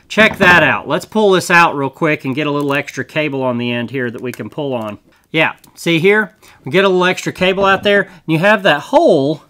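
A man's voice: fairly high pitch, bright, forceful tone. A middle-aged man casually explaining and demonstrating a tool in a small indoor studio, chatty and folksy. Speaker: tool reviewer. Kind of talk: casual product demo.

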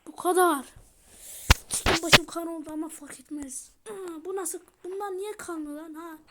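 A woman voicing every role of an amateur game drama in a heated, shouty, slangy way. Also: very high-pitched, measured pace, very noisy.

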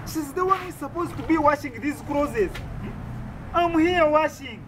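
A high-pitched Ugandan husband played by a man in a comedy skit, stubborn, clueless and grumbling. He throws out incredulous questions and grunts. The recording is outdoors, with clear background noise and a vehicle hum. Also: animated, a little slow. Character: stubborn, ignorant, grumbling husband of pregnant wife. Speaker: comedy actor. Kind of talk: improvised African comedy skit. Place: outdoors in a house garden.

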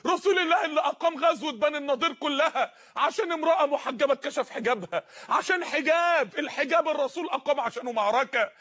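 Egyptian preacher, man, very high voice, rapid exhorting delivery. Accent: Egyptian Arabic. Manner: impassioned, exhorting, repeats phrases, at times shouting. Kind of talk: sermon.

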